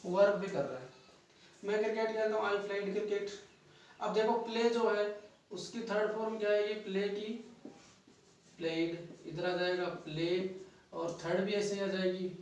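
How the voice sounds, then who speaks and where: High-voiced man teaching in an echoey room. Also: distant mic, slight background noise. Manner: asks questions and answers them himself. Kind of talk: classroom grammar lesson.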